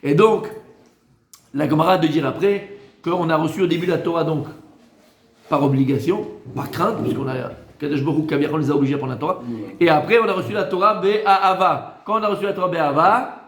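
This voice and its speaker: A man, a rabbi, giving a Torah lesson in a lively way, teasing his listeners with joking asides. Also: fairly high pitch, brisk, echoey room.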